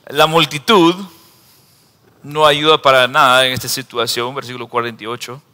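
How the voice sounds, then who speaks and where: A man's voice: mid-range voice, level tone, moderate pace, bright, forceful tone, long reverb tail. A man preaching a sermon in a church who acts out the people he reads about in raised voices. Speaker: pastor.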